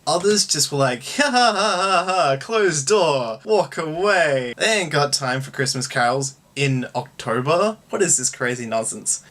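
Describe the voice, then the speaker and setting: A man vlogging at home, telling a story in a sarcastic, jokey, lively way. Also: medium pitch. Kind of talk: casual comedic storytelling. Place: at home, indoor room.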